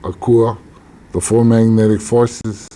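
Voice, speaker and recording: An older man from Hawaii, an elder teaching about tradition in a slow, measured way with deliberate pauses. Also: lowish voice, level tone, mellow.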